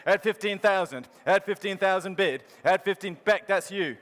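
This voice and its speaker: A man's voice: high voice, moderate pace, fairly bright tone. A man working as an auctioneer at a live sale, calling bids in a rhythmic, repetitive chant. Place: large sale arena. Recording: hall reverb from sale ring PA.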